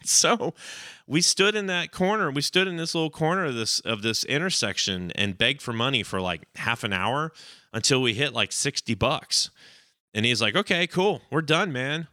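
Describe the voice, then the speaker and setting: A man's voice: pushed and bright, clear, resonant tone, no room sound, clean studio sound. A young man hosting a podcast, telling a long personal story in a rambling, casual way and acting out the people in it. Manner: rambling, acts out quoted voices with raised pitch.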